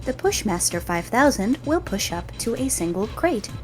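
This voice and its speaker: A woman voicing a calm in-game instruction announcer, reading in a smooth, even train-station-announcement manner. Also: fairly high pitch, moderate pace, faint music behind. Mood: formal. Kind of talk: scripted game voice-over.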